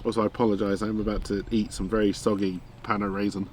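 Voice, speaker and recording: A man's voice: lowish voice, little pitch movement, quick pace, slight background noise. A man streaming live while cooking outdoors, chatting casually with fillers and frequent laughs. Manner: rambling, chatty, many fillers, laughs often. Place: outdoors in a garden.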